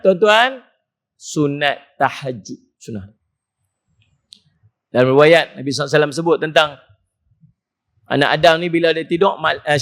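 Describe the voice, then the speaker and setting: A man with a Penang Malay accent giving a humorous, animated mosque lecture, mimicking people as he preaches. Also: fairly high pitch. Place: mosque hall.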